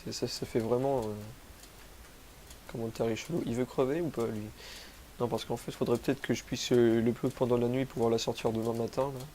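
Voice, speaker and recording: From his rural home, a young French gaming youtuber with a sniffly cold rambles through his gameplay, making fun of himself with crude slang. He speaks fairly quickly in a steady, dark, mid-range voice, with a little hiss or hum behind it.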